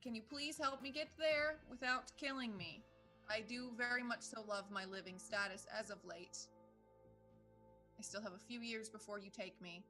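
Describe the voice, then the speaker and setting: Woman playing an earnest, defiant traveler, bright-voiced. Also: on the high side, moderate pace, soft background music. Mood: pleading. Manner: formal, emphatic phrasing. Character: earnest, defiant living traveler pleading with death.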